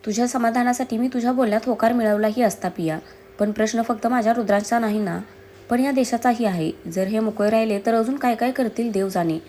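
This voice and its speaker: A woman's voice: fairly high pitch, a little fast, dark tone, slight background noise, natural voice. A woman reading the lines of a fierce, grieving young woman who hurls accusations in a storybook reading. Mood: pleading. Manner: heated, accusing.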